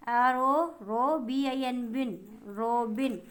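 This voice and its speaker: Slow-spelling woman teacher with Pakistani accent. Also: high voice, fairly even intonation. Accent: Pakistani Urdu. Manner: slow, spells words letter by letter and translates them; addresses pupils fondly as children. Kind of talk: online class lesson for young children.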